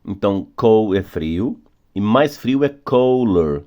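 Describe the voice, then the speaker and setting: Low-voiced patient male English teacher. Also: lively intonation, highs cut off. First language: Portuguese. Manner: patient, repetitive, drawing out key words slowly. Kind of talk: phonics lesson explanation.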